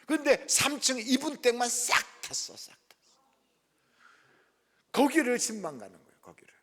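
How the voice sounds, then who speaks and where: Male pastor, middle-aged, storytelling sermon, very animated pitch. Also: moderate pace, background noise. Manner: lively storytelling, acts out quoted voices softly. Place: prayer house worship hall. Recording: long hall reverb.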